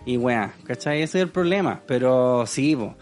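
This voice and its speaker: A man's voice: medium pitch, expressive, measured pace, darkish tone. A man with a Chilean accent hosting a casual chat, slangy and joking, telling stories with animation. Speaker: podcast host.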